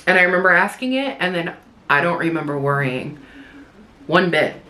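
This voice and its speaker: A woman's voice: lowish voice, animated, normal speed, sharp tone. A young woman vlogger chatting in a rambling way while doing her makeup, full of likes and restarts. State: tearful at moments. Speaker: beauty vlogger.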